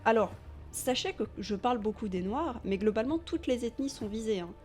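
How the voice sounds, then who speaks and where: A woman from France narrates a documentary video essay in a measured, emphatic voice, slightly higher than most, dropping in pointed asides. Quiet music plays under her voice. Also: animated.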